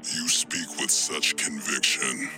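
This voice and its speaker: A man voicing a sinister, cruel stranger with a strange, unnatural-sounding voice, speaking in a slow, taunting way. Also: music in the background, rough recording. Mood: cold taunting. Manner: slow, low, taunting delivery. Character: sinister menacing man lurking outside, cold and cruel.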